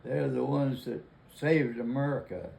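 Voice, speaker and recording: An older man chatting casually with family, speaking slowly and haltingly with many pauses. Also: medium pitch, creaky, warm tone, a little hiss or hum. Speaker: interviewee.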